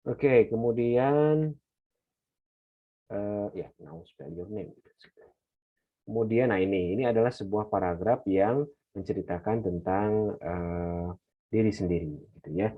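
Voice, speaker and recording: Deep-voiced man teaching English. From Indonesia. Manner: slow, careful English model phrases between relaxed explanations. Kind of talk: online class lecture. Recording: dull lo-fi lecture recording.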